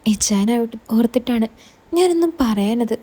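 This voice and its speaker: Eager young man, gently questioning and consoling, mellow and fairly high, voiced by a woman reader. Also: lively intonation, moderate pace, slightly rough.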